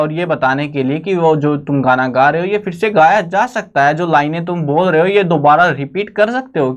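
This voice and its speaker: A young adult man teaching a Hindi poem to students, reading each verse slowly and then explaining it in chatty, everyday speech mixed with English words. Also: on the high side.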